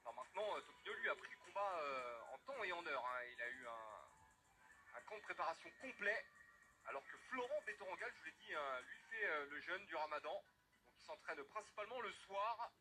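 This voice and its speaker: A man's voice: a little high, sing-song, brisk, sharp tone. A man giving sports broadcast commentary as lead commentator, presenting the fighters before a bout. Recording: music playing under the voice.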